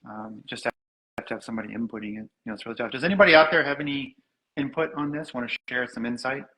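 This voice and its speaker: A man's voice: mid-range voice, rapid-fire, sharp tone, rough recording. A man hosting a casual chat in an informal way, often putting questions to the others. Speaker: host.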